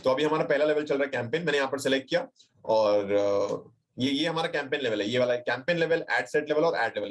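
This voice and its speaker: A young man with an Indian accent teaching a live webinar tutorial, chatty and reassuring, mixing English phrases into his talk and checking in with viewers. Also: mid-range voice. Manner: reassuring, addresses viewers directly and reads chat replies aloud. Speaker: digital marketing trainer. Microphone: computer mic on a webinar call.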